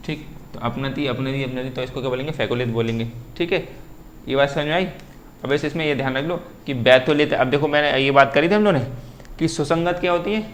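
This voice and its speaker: A man's voice: mid-range voice, a little hiss or hum. Man teaching, asks and answers himself. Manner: repetitive, asks and answers his own questions. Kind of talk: explaining at a whiteboard.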